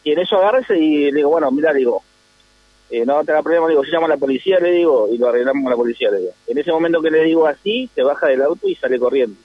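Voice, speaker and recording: A man's voice: on the high side, animated, very fast, no room sound. A man with an Argentine Spanish accent, a taxi driver telling his story over the phone, rambling and repeating little tag phrases. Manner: rambling, repeats "le digo" and "¿viste?". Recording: tinny phone line.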